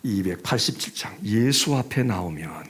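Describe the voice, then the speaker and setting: A man preaching a sermon as pastor, animated, often dropping into hushed whispers. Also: fairly low pitch, normal speed, a little hiss or hum. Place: church.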